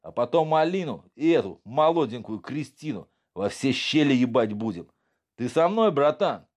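A man's voice: mid-range voice, very animated, moderate pace, darkish tone, pitched above the performer's own voice, natural voice. A man voicing a drunk, vengeful young male thug who swears crudely and threatens. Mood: menacing drunk. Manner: crude, menacing, slurred swearing.

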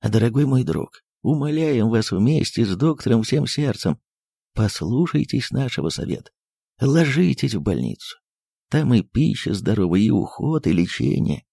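A man voicing a fussy, sentimental elderly postmaster who speaks low and coaxingly, dropping into whispers. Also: lively intonation, normal speed, vocal fry, dark tone, slightly rough, no echo, clean studio sound. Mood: coaxing tender.

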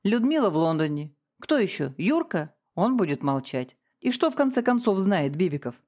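A woman's voice: on the low side, big pitch swings, normal speed, darkish tone. A woman reading the part of a harsh, domineering middle-aged husband, cold and cutting. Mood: cold, sarcastic. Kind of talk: audiobook character reading.

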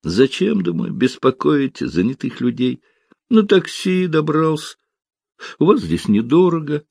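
A man voicing a sly, soft-spoken businessman. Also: on the high side, big pitch swings, measured pace, gravelly, breathy edge, no room sound, studio quality, pitched above the performer's own voice, full character voice. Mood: coaxing. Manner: soft, coaxing. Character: sly, unflappable male businessman.

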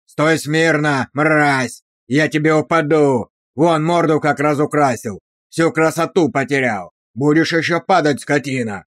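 A man voicing a brutal, abusive male drill sergeant who barks insults with slow, hammering emphasis. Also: fairly high pitch, a bit bright, no echo, studio quality. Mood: bellowing.

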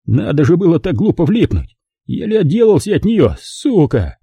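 A brash young police inspector blurts out his story in rattled, coarse bursts, pitched noticeably higher as a male narrator puts him on. The storybook delivery is dark and husky. The sound is dry and close. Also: sing-song, normal speed, no room sound, heavily acted. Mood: indignant. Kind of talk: audiobook character voice.

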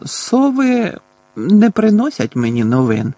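A man's voice: a little high, sing-song, a little slow, vocal fry, warm tone, breathy edge, no room sound, heavily acted. A man voicing a cool, defiant teenage boy in an audiobook, answering curtly. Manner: cool and curt.

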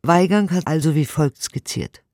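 Close to a studio microphone, a man with a slightly high, darkish voice gives a formal, declamatory reading of historical press and court reports for a radio play. He keeps a normal speed, and the recording is dry.

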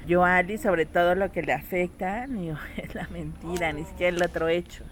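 A woman's voice: lowish voice, normal speed. A woman telling a family story in casual chat, acting out the voices of her child and others.

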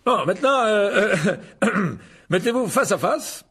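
Lockhart: a man doing a preening, booming wizard teacher. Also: lively intonation, takes it slowly, sharp tone, husky, full character voice. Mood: showy commanding. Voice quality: boastful, theatrical, high and booming. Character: vain, pompous adult male wizard teacher.

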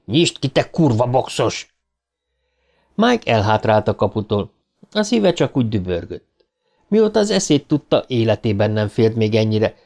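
A man reads a novel aloud as a professional audiobook narrator. His telling is expressive and dramatic, lifting in pitch as the scene grows tense. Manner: expressive dramatic reading, tension rising in pitch.

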